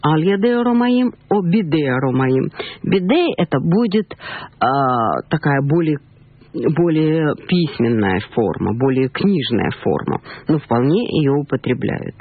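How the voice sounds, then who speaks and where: A woman teaching a language lesson on the radio, patiently explaining and slowly repeating words. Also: sits low, expressive, no room sound. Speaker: Hebrew teacher. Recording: tinny phone-like radio broadcast.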